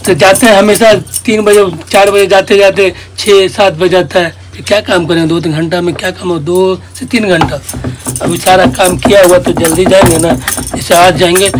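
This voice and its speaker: A man's voice: high voice, steady tone, normal speed, soft background music. A man hosting a casual family vlog. He is chatty and teasing, and he talks to his viewers as friends. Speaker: vlog host.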